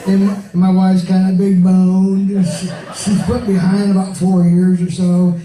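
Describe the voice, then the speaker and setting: A man's voice: high-pitched, completely flat delivery, unhurried, warm tone. A man in his sixties doing a stand-up comedy set, telling rambling folksy stories and chuckling at his own jokes. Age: 60s. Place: comedy club stage. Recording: echoey room from far off, with crowd and noise.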